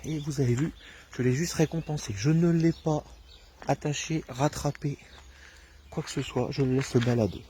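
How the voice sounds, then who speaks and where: A man explaining dog training outdoors on a rural path, talking to viewers in a relaxed way with many hesitations, filmed alone on a handheld camera. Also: a little high, normal speed, a little hiss or hum. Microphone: camera filming alone, held himself.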